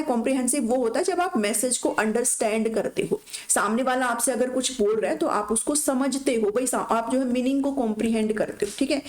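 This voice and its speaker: A woman's voice: fairly high pitch, a little mellow. Echoey woman teaching pedagogy. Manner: explains in Hindi with read-out English lines, frequent "ठीक है" check-ins. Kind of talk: exam-prep lecture.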